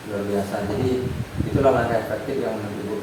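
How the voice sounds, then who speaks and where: A man's voice: fairly low pitch, steady tone, fast. A man conducting an interview, summarizing answers and asking follow-up questions with frequent agreement. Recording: echoey room, far from mic, noisy.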